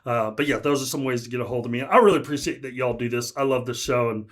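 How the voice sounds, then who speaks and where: A man's voice: mid-range voice, quick pace. A man, a guest on a podcast, chatting casually and telling stories with lots of laughter and restarts. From United States. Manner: animated storyteller, laughs often, many restarts.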